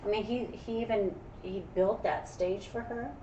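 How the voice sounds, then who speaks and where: Reading a picture book aloud at normal speed, this American teacher has a warm, medium-pitched voice with fairly even intonation and offers encouraging, reflective asides for young listeners. The sound is roomy and distant, with faint background noise and the highs cut off.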